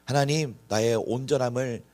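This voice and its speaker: A man's voice: medium pitch, normal speed, a little mellow, voice pushed up, close to an everyday voice. A male pastor voicing Job, an anguished righteous man who pleads with God in earnest. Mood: pleading.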